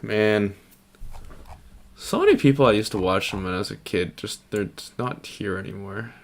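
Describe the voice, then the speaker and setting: A man's voice: lowish voice, normal speed, slight background noise. A young man chatting casually on a live stream, playful and rambling, laughing often.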